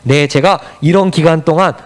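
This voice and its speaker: A man's voice: on the high side, moderate pace, close to an everyday voice. A man voicing a humble royal cupbearer who earnestly pleads in prayer and before his king. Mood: pleading.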